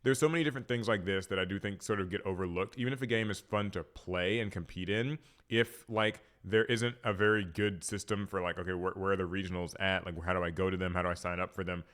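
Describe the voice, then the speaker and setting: Speaking fast with few pauses, this young man's low-pitched voice carries a fairly bright tone. He's hosting a card game podcast alone to camera, a little congested from a cold and rambling casually through fillers and restarts.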